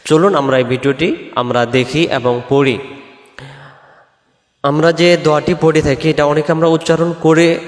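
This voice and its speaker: A man teaching how to pronounce a prayer, speaking plainly and then chanting each word slowly and drawn out so learners can repeat it. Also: on the high side, fairly even intonation. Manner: slow drawn-out chanting of words for practice. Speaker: religious teacher. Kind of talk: prayer pronunciation lesson. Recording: roomy with long reverb.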